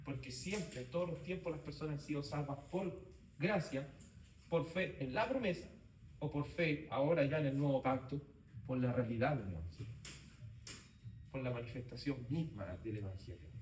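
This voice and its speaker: A man's voice: mid-range voice, lively intonation, normal speed, darkish tone, far from the mic. Man teaching a theology class, echoey room. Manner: speaks in short phrases, repeats key points, asks the class to confirm. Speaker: Bible teacher. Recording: roomy echo, voice from off-mic, faint background noise.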